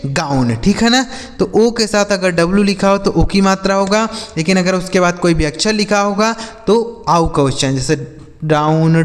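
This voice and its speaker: A man teaching English reading who spells words out letter by letter, sounds them slowly, and keeps quizzing his viewers, whom he calls friends. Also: sits high, in a large hall. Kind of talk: spoken phonics lesson.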